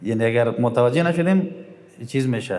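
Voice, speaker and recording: A middle-aged man with an Afghan Dari accent leads a Quran recitation lesson in a mid-pitched voice. He poses quick questions to his listeners and answers them himself. He lingers over each recited word, stretching it out slowly. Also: a little mellow.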